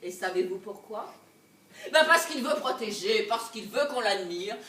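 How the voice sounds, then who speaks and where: An actress playing a scheming, vengeful jilted wife in a live stage comedy, laughing and swinging between loud outbursts and low asides. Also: female voice, animated, unhurried. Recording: echoey stage recorded from far off.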